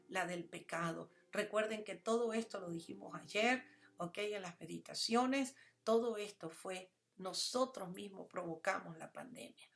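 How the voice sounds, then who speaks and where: A woman giving a sermon, calling her listeners her children, her voice swelling loud and then dropping almost to a whisper. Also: mid-range voice, creaky. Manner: earnest preaching, swells loud then drops to a near whisper. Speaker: preacher. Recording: soft music bed under the voice.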